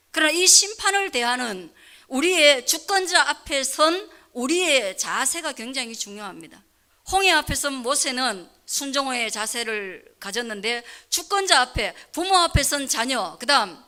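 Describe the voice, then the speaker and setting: A woman pastor preaching a sermon who asks the congregation questions and answers them herself. She swings between fervent near-shouting and soft whispers. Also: sits high.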